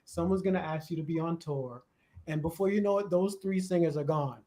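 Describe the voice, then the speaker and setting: A man with a Jamaican accent hosting a live church discussion, chatty and animated, laughing at times as he explains. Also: fairly high pitch, a little fast. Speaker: host. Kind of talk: casual discussion on church worship. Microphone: live stream.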